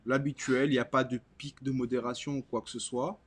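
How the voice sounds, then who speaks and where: A man whose first language is Portuguese, with a medium-pitched voice. He co-hosts a live chat and explains things in a casual, conversational style. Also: little pitch movement, fairly quick, breathy edge. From Portuguese-speaking country, moved to France at twelve. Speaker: co-host and community moderator.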